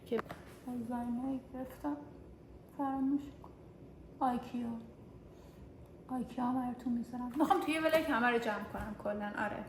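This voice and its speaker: A woman's voice: on the high side, long pauses. A woman from Iran chatting casually as she films a vlog on a phone, showing things around her home and a large store. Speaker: vlogger. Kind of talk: casual chat. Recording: echoey room with clear background noise.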